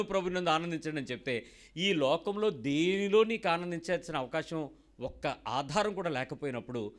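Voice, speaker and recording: A man preaching a sermon as a pastor, telling stories and acting out the dialogue of the people in them. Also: mid-range voice. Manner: storytelling, acting out quoted dialogue.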